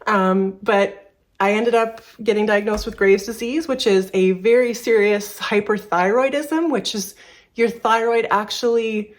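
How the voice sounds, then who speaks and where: A woman's voice: mid-range voice, fairly even intonation, measured pace. A woman in her thirties from Canada, a furniture repair shop owner, talking candidly to camera in a personal vlog, a little out of breath and rambling with restarts.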